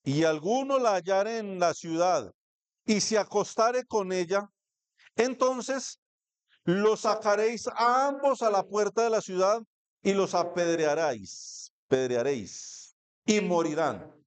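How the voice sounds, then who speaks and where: A man's voice: high-pitched, expressive, a little slow. A man with a Colombian Spanish accent preaching a sermon, reading scripture and asking the congregation questions. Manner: asks the congregation questions, reads scripture aloud. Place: church hall. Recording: echoey church room.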